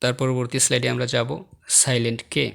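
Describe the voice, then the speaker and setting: He's an English teacher whose mid-range, creaky, fairly bright voice holds a level tone as he reads example words one at a time from his slides. He explains the rules slowly while clicking sounds behind him.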